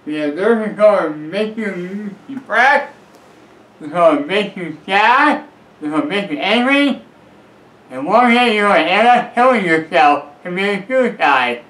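A man's voice: high voice, expressive, unhurried, fairly bright tone. A middle-aged man giving earnest, repetitive advice straight to camera from a room at home. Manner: earnest, repetitive, calls himself by a nickname. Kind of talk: direct-to-camera advice vlog. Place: small room at home, leather armchair by a bookshelf. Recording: echoey small room.

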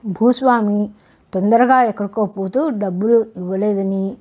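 Mellow-voiced woman telling a folk tale. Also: mid-range voice. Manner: steady, measured storytelling. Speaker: storyteller. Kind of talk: storybook narration.

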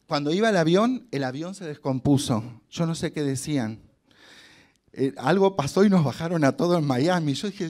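A middle-aged man with an Argentine accent tells stories from his life in a motivational talk. His voice sits somewhat high for a man. He keeps it humorous and anecdotal, acting out the voices in the dialogue he quotes. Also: darkish tone. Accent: Argentine Spanish. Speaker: guest speaker.

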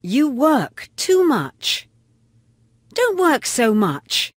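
A woman reading short English phrases slowly and deliberately for a language course, pausing between each. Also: sits high, sing-song, no room sound, studio quality. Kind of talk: slow scripted phrasebook reading.

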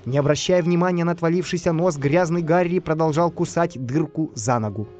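A man reading a bedtime story aloud in an expressive, lively way. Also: fairly high pitch, a little fast, faint music behind. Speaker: narrator.

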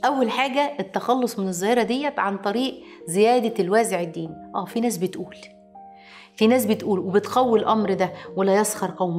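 Fast-talking Egyptian woman lecturing. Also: mid-range voice. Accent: Egyptian Arabic. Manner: emphatic, with rhetorical questions and repetition. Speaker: lecturer on parenting. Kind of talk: informal lecture.

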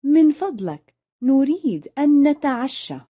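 A woman, carefully repeating lesson phrases one by one in a clear, scripted way. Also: high voice, big pitch swings, a little slow, warm tone, dull audio. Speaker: language lesson speaker.

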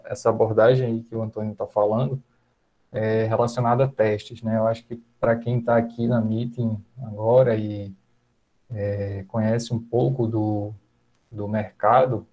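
Northeastern Brazilian man in his thirties, relaxed webinar moderator on earphones, warm low tone. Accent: Northeastern Brazilian Portuguese. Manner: relaxed, frequent fillers like "né" and "tá". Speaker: event moderator. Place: small room at home. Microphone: earphones, video call.

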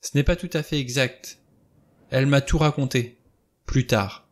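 A man reading a novel aloud, voicing a nervous, excitable young woman who is quick to cry out. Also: natural voice. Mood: tense. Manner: high-strung, quick to cry out.

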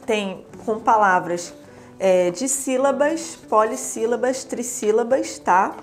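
A woman's voice: on the high side, takes it slowly, soft background music. A young adult woman with a Brazilian Portuguese accent explains teaching materials in a casual, chatty way, often checking in with tag questions.

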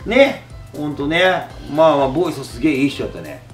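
A man's voice: a little high, big pitch swings, fast, soft background music. Joking Kumamoto-accented man in an echoey room. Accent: Kumamoto dialect. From Kumamoto, Japan. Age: middle-aged. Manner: joking, teasing, laughs often. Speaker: YouTuber host. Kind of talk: casual chat.

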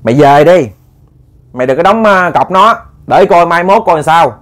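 A storyteller voicing a firm old charm-master. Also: male voice, a little high, expressive, moderate pace, a bit bright. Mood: lecturing. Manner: firm, lecturing. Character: calm older male charm-master.

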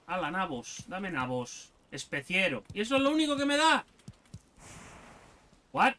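A man giving casual gameplay commentary, excitable and sarcastic, swearing often. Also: sits high, takes it slowly, long pauses. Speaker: gaming youtuber.

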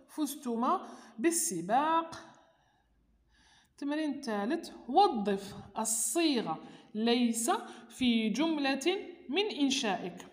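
A woman with an Algerian Arabic accent patiently explaining a primary school worksheet to parents, reading each item aloud. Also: sits high. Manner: patient and explanatory, reads items aloud then explains them slowly. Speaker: teacher explaining a homework sheet to parents. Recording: echoey room with long reverb.

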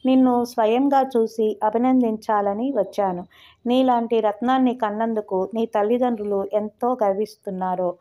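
A woman reading the part of a kindly, remorseful older male landowner, speaking gently and in a fatherly way. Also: on the high side, fairly even intonation, normal speed, lightly acted. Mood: warm.

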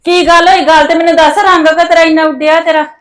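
A woman playing a long-suffering, sharp-tongued older village mother in a family drama, grumbling. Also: extremely high pitch, flat delivery, fast talker. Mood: alarmed. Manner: complaining, grumbling. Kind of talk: acted family drama dialogue.

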